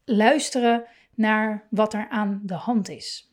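A woman's voice: medium pitch, fairly even intonation, takes it slowly. A woman hosting a parenting podcast, talking casually and thinking aloud with many fillers and restarts. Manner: laughs often and acts out parent and child lines. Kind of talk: casual solo podcast talk.

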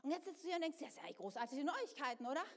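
A woman with a high voice preaches a sermon in a church hall, talking straight to her congregation and giving voice to the thoughts she describes. Her words ring out with a long reverb that trails off around the room. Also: racing. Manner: expressive, acts out inner voices, addresses congregation directly.

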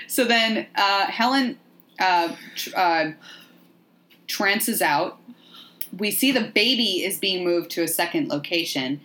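Animated joking woman podcast host. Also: fairly low pitch, takes it slowly. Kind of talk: casual movie recap chat.

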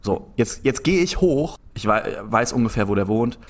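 A young man telling a long story in a casual conversation, rambling and animated, often restarting his sentences. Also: mid-range voice, normal speed. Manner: rambling, animated anecdote with frequent restarts and filler "so".

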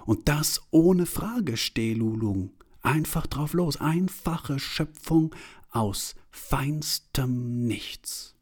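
A man narrating a literary audiobook in a calm, measured, dry way. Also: mid-range voice, breathy edge.

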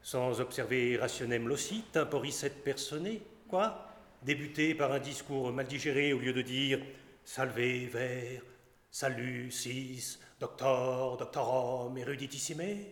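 A man's voice: medium pitch, slow pace, lightly acted. An actor playing a pompous, boastful male doctor who lectures, counts out his points and shows off Latin, in stage acting of a classic comedy. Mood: haughty. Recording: echoey hall with long reverb.

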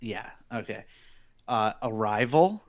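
A man co-hosting a podcast in casual chat, laughing easily and pausing on fillers. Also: fairly low pitch, expressive. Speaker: podcast co-host.

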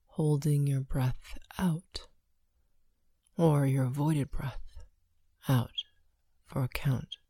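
A woman leading a guided meditation, counting breaths slowly with long pauses between short phrases. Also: extremely low pitch, gravelly, dark tone, slightly rough, no room sound, clean studio sound.

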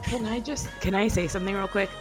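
A woman co-hosting a casual podcast while sick, her voice hoarse and raspy like a smoker's. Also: mid-range voice, fast talker, over music. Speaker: podcast co-host. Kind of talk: casual chat.

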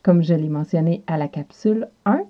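Lower-pitched woman with a Quebec French accent. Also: normal speed, highs cut off. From Quebec, South Shore of Montreal. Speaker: podcast host and French teacher. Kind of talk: scripted language lesson with repeated practice phrases.

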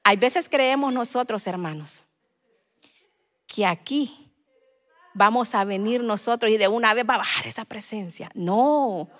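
Fervent high-voiced woman preacher. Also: measured pace, pauses often, long reverb tail. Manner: swings from soft storytelling to loud fervent preaching. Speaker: guest preacher. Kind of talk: Pentecostal sermon. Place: church.

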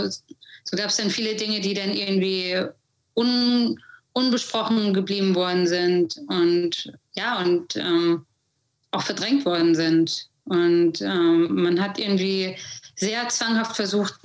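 Slow, searching woman in her twenties. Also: mid-range voice, rough recording. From Germany. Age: 20s. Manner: slow and searching, many filler sounds. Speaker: podcast guest. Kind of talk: podcast interview.

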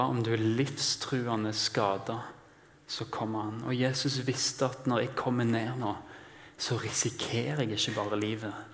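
Man preaching in a reverberant hall. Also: medium pitch. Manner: dramatic, swinging from loud emphasis to hushed near-whispers. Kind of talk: sermon. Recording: long reverb of a large hall.

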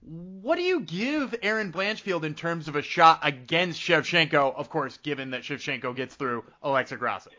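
A man with a bright, forceful voice pitched a bit high hosts a casual sports show. The sound is slightly dull and lo-fi. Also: animated, moderate pace, hardly any pauses. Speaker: sports podcast host and interviewer.

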